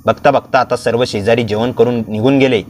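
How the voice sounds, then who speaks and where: A man narrating a first-person story with steady, plain reading. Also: mid-range voice, a little fast, a little hiss or hum.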